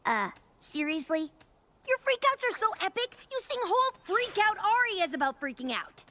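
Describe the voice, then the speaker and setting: A woman's voice: extremely high pitch, big pitch swings, normal speed, bright, forceful tone, full character voice. A woman voicing a brash, sporty young female pegasus in a cartoon, cocky and sarcastic, with music behind.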